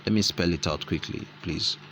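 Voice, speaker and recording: A man's voice: deep voice, normal speed, vocal fry, fairly bright tone, a little hiss or hum. A man hosting an app tutorial who explains each step in a rambling way and corrects himself as he goes. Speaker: tutorial host. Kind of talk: screen-recorded app tutorial.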